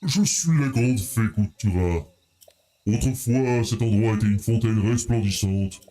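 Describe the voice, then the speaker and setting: Guy doing a weak begging fairy spirit, voice all distorted, low and dark. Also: unhurried. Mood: pleading. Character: weakened great fairy, female spirit, begging. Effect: distorted, garbled voice.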